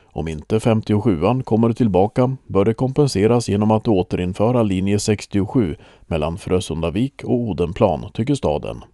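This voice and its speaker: A man reading a local news report in a measured, even delivery. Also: on the low side, no room sound, clean studio sound. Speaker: news reader.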